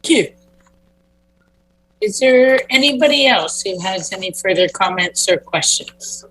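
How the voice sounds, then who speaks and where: A woman chairing a formal committee meeting in a brisk, businesslike manner. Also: medium pitch, expressive, fairly bright tone, breathy edge, poor audio.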